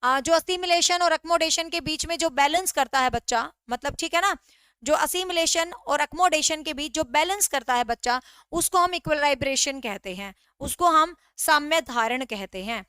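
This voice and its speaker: A high-pitched woman teaching an online class, drilling her students by asking and then answering her own questions. She slips English words into her explanations. The sound is dry and close, with no room echo. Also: normal speed, bright, forceful tone. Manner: repetitive quizzing, mixes in English words.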